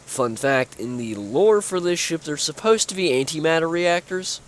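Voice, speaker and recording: This young gaming YouTuber sounds sleepy and yawns as he tours his own build in a video game, rambling casually with lots of fillers and restarts. His voice is a little high and animated, at a normal speed.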